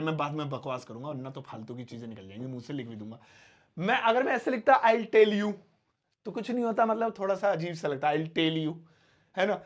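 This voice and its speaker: High-voiced, chatty male English teacher. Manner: chatty, joking, acts out short example lines. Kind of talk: spoken English lesson.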